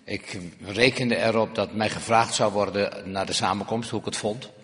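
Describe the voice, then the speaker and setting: Low-voiced male interpreter in an echoing hall. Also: fairly even intonation, a bit bright. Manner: quick, with restarts and hesitations. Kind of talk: live consecutive interpreting. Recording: long reverb of a large hall.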